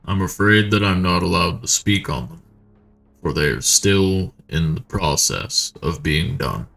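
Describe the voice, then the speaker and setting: A player voicing a cagey villager bound by a devil's pact through a voice changer that makes the voice deep and gravelly. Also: unhurried, fairly bright tone, faint music behind, exaggerated voice. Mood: guarded. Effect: voice changer lowering the voice. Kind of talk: tabletop roleplay character voice. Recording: voice changer effect.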